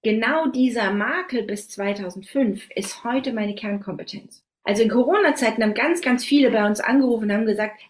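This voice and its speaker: A woman's voice: fairly high pitch, fairly quick, hardly any pauses, slight background noise. A woman in her forties, an author on skilled trades, answering interview questions in an emphatic, persuasive way. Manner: emphatic, persuasive, stresses points with "doch" and "so".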